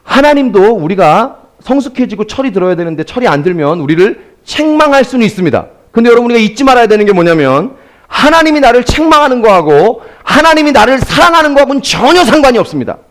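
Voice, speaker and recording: A man's voice: extremely high pitch, big pitch swings, fast. A man preaching a Sunday sermon as pastor, speaking directly to his congregation.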